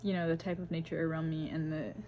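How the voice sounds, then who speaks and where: A woman's voice: sits low, level tone, quick pace, warm tone, lo-fi sound. A young woman vlogger chatting casually while she paints, rambling and upbeat with lots of fillers. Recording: noticeable background noise.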